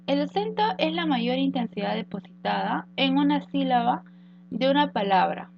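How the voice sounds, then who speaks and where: Gravelly-voiced woman teaching a lesson. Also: sits high, expressive. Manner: explains slowly with rhetorical questions and fillers. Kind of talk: recorded grammar lesson. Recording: dull lo-fi with mains hum.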